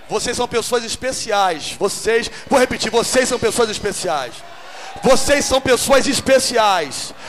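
A man with a Brazilian Portuguese accent preaching an animated sermon, calling out to the congregation for amens. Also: high-pitched, in a large hall.

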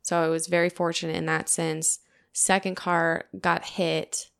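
A woman in her late twenties hosting a casual podcast, chatting in an animated way with lots of "like" fillers. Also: lowish voice, unhurried, gravelly, clear, resonant tone. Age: 20s. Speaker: podcast host.

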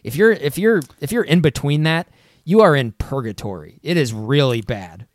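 Halting man on a sports podcast. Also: a little high, lively intonation, dry recording, studio quality. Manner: halting, with many restarts and fillers. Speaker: podcast co-host. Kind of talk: casual sports podcast chat.

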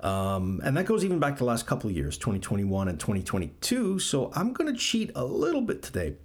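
A man's voice: mid-range voice, wildly swooping pitch, brisk, husky. A man hosting a music podcast, chatting casually and enthusiastically about albums, with frequent ums. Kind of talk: casual music radio chat.

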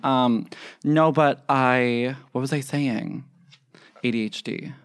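Young male podcast guest, excitable, rambling, heavy on "like", loud into a studio mic. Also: medium pitch, slow pace, clear, resonant tone. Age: young adult. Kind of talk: casual chat.

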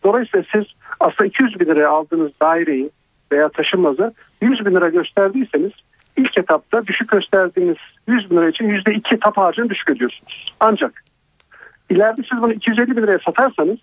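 A man on a telephone line, a financial advisor guest on call-in radio, explaining tax rules in a measured way with worked examples. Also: high voice, husky, dry recording. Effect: over a telephone line. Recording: thin, tinny phone line, dry.

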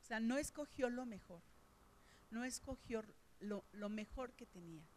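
A woman's voice: on the high side, animated, normal speed, a little mellow, a little hiss or hum. Mexican woman preaching a chatty sermon. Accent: Mexican Spanish. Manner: conversational storytelling, frequent fillers "este".

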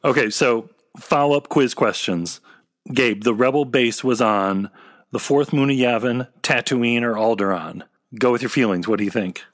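A man's voice: medium pitch, moderate pace, no echo. Man co-hosting a casual fan podcast. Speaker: podcast co-host.

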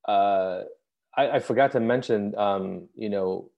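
Deep-voiced hesitant man on a video call. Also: measured pace, vocal fry. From Chicago. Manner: thoughtful, hesitant, many ums. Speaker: visual artist guest. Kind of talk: remote interview over video call. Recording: dull lo-fi video call audio.

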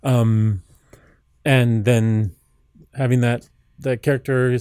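A man's voice: mid-range voice, little pitch movement, takes it slowly, darkish tone, clean tone, no room sound, studio quality. A man chatting as a podcast guest in a rambling, easygoing way with many fillers. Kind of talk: casual chat.

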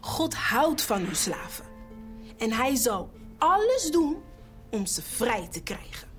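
A calm, steadfast shepherd prophet from a children's story, voiced by a woman slowly and solemnly. The pace is unhurried, with faint music behind. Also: on the high side, heavily acted.

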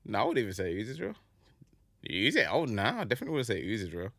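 A man's voice: fairly low pitch, very animated, fast, fairly bright tone, breathy edge, no room sound, clean studio sound. A man with a London roadman accent chatting casually in street slang as a podcast host.

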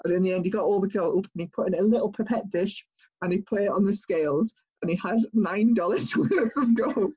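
A man's voice: high-pitched, brisk, dark tone, breathy edge, muffled recording. A male comedian chatting casually over a video call, rambling with frequent laughs and restarts. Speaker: comedian guest. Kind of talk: casual chat.

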